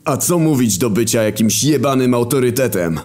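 A man voicing a scornful male spirit of war who speaks loudly and with contempt. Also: mid-range voice, lively intonation, normal speed, voice pushed up, lightly acted.

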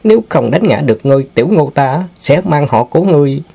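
A man's voice: on the high side, animated, fast, vocal fry, dark tone, slightly rough, voice pushed up, exaggerated voice. A man voicing a hot-tempered young male hero in an audiobook, fierce and threatening. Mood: furious.

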